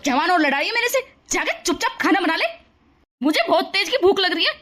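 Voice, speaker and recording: A woman's voice: very high-pitched, animated, brisk, a bit bright, faint music behind. A woman voicing a harsh older mother-in-law in a cartoon story, scolding and taunting. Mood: scornful.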